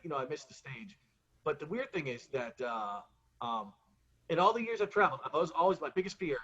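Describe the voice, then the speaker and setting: In a lo-fi recording, a male road comic with a medium-pitched, bright and pushed voice delivers a stand-up monologue. His punchy jokes unfold as chatty stories full of acted-out back-and-forth, told with exasperated self-mockery.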